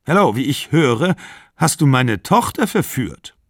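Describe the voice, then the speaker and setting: A man's voice: mid-range voice, sing-song, a little slow, no room sound, clean studio sound, voice pushed up. A man reading an audiobook, voicing a friendly but surprised father in a hearty, slightly lifted tone.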